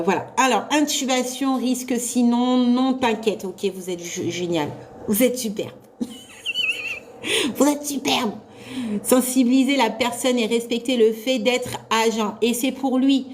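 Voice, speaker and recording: A woman leads a live revision class for nursing assistant students in a loud, carrying voice. She talks slowly and sits a little high in pitch, chatty and encouraging as she quizzes her class. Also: a little hiss or hum.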